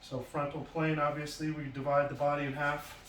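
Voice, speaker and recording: A man's voice: a little high, little pitch movement, brisk, a bit bright, a little hiss or hum. A man demonstrating exercises at home as a fitness instructor, casually explaining each move while he performs it. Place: home basement. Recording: roomy echo from far off, faint ambience.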